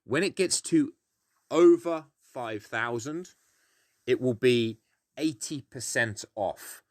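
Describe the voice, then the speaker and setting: Speaking slowly in a slightly mellow, medium-pitched voice, a British man hosting a gaming video walks through a game in a casual, grumpy way, grumbling and swearing bluntly as he offers his views. The sound is studio-grade and echo-free.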